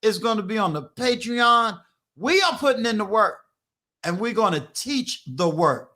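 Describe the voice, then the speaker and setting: Preachy fifty-something man, high bright voice. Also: very animated, a little slow. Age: 50s. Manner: preachy, repetitive, emphatic. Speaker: channel host. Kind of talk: live-stream motivational talk.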